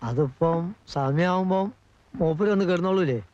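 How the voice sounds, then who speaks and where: An actor playing a jittery, gossiping household helper in a 1980s film drama, fussy and anxious. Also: male voice, high voice, measured pace, darkish tone, no echo, muffled recording. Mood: grumbling.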